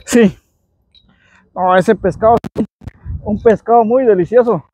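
A man's voice: high voice, slow, no room sound, lo-fi sound. A middle-aged man from Guatemala chatting casually about his fishing on a windy lakefront pier, recorded on a body camera. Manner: relaxed, chatty, laughs easily. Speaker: angler vlogger. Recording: outdoor wind and water noise.

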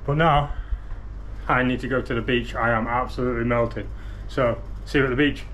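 A man's voice: medium pitch, fairly even intonation, moderate pace, fairly bright tone, slight background noise, rough recording. A man in his thirties vlogging while travelling, chatty and upbeat, speaking to an action camera at arm's length. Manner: chatty, upbeat, laughs often. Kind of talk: casual vlog to camera. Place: outdoors on streets, station and beach. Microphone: action camera held at arm's length.

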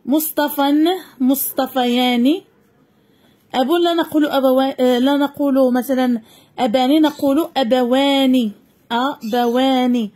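A woman with a Moroccan accent teaching a grammar lesson to young pupils, dictating slowly and repeating each word. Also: high-pitched, a little mellow.

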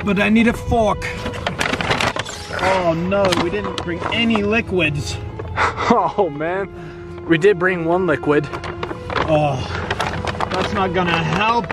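An excitable young man vlogging outdoors, hamming up pirate play with a lively, swooping delivery. His voice is slightly high and gravelly, with music playing behind him. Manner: excitable, hammy pirate play-acting, shouts. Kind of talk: playful casual vlog banter. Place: outdoors on a lake and shore.

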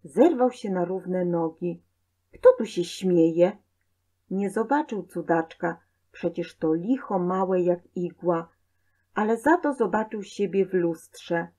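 A woman narrates a children's storybook, her voice low and the reading slow and measured. Each sentence is set out clearly. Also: dark tone.

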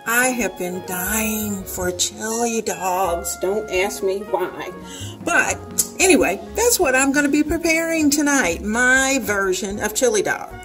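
A woman's voice: mid-range voice, expressive, takes it slowly, fairly bright tone, faint music behind, poor audio. A woman hosting a home cooking video, chatting casually and talking viewers through each step as she cooks in her kitchen.

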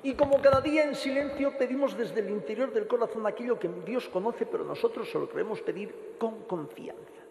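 Man, priest, earnest pastoral tone, gravelly voice, cathedral echo, long reverb. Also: high-pitched, brisk, darkish tone, a little hiss or hum. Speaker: priest celebrating Mass. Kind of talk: homily and liturgical prayers. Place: large church. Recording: echoey church with long reverb.

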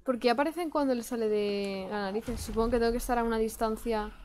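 A woman's voice: fairly high pitch, fast talker, a little mellow, a little hiss or hum. A young woman from Spain with a Spain Spanish accent, commenting on her gameplay in a self-mocking, exasperated way. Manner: self-mocking, exasperated, frequent laughs and outbursts. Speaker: gaming streamer. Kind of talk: casual let's play commentary.

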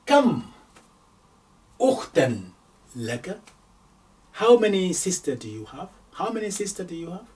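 A man's voice: a little high, darkish tone, recorded from a distance. A man teaching a spoken lesson, repeating each word and explaining it in English with small slips. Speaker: Arabic teacher. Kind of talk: slow spoken language lesson.

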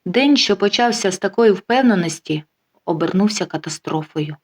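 A woman narrating a life story in a steady, even reading voice. Her pitch sits right in the middle, neither high nor low. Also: normal speed, husky.

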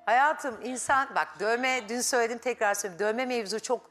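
A woman's voice: fairly high pitch, moderate pace, fairly bright tone, soft background music. A woman hosting a TV talk show, firmly probing her guests and giving them advice. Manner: firm, probing, advising. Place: TV studio.

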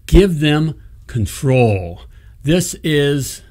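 A middle-aged man hosting a coaching talk show in a studio, speaking into a boom-arm desk mic and driving each point home with "okay?" and "all right?". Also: animated, drawn-out words, darkish tone. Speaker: host, plumbing business coach. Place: indoor studio set.

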